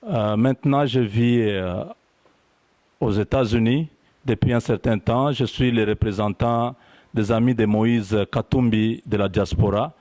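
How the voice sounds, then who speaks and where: A diaspora political representative from Congo gives an impassioned address to his compatriots. He starts out halting, with frequent fillers, then builds fervently into raised, emphatic, repeated declarations. His voice is on the low side and a little mellow.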